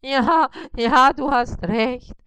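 A woman's voice: sits high, drawn-out words, a bit bright, clear, resonant tone, no room sound, voice pushed up, exaggerated voice. A woman doing a wailing, whiny cartoonish spider. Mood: moaning. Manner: moaning and wailing in pain. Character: whiny male cross spider, timid and self-pitying.

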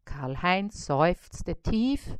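A woman reading a children's storybook aloud in a slow, clear and expressive way. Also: fairly low pitch.

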